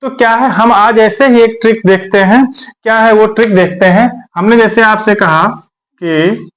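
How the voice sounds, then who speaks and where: A male teacher giving an exam-prep grammar lesson, drilling syllables aloud over and over and often clearing his throat. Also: high-pitched, fairly even intonation, normal speed, fairly bright tone.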